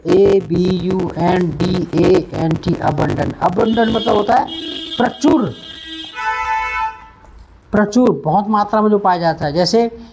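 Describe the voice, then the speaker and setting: A man whose first language is Hindi runs an online vocabulary lesson at a very measured pace. He stretches out words and repeats them, and he spells each one letter by letter for his students. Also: high-pitched, music in the background. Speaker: English teacher.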